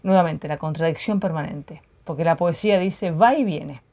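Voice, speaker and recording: A woman's voice: sits low, dark tone. Reflective woman reading and discussing poetry. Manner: reflective, measured, frequent tag questions. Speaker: poetry program co-host.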